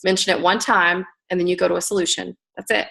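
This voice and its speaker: A middle-aged woman coaching a group on a call, giving an energetic tough-love motivational talk. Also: on the low side, fast talker, gravelly. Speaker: business coach.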